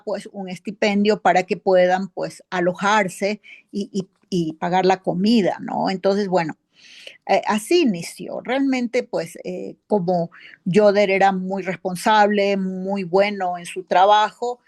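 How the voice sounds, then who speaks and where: A woman's voice: mid-range voice, darkish tone. Woman playing a rambling neighbor on the witness stand. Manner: rambling, many fillers and tag questions. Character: female witness, neighbor and office accountant. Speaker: witness in a mock trial. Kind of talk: courtroom role-play, answering questions.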